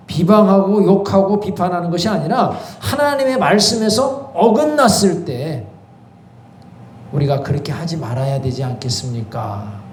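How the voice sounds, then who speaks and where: High-voiced Korean pastor preaching in echo. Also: male voice, darkish tone, a little hiss or hum. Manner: preaching with rhetorical questions and repeated "예"; rises into fervent spoken prayer. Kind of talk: early-morning sermon. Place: church sanctuary.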